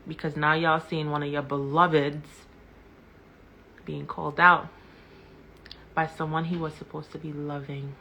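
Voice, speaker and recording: A woman speaking to her live-stream viewers with passion, hammering her points home by repeating words and questions. Her voice sits a little low but comes across bright and forceful. She talks straight to her audience as a commentator. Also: flat delivery, unhurried, long pauses.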